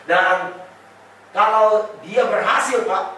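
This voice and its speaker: A man coaching in an interview as a sales trainer, animated, constantly addressing the listener as sir and slipping in English sales terms. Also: high voice, slow pace. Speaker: real estate sales trainer. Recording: echoey room, distant mic, faint noise.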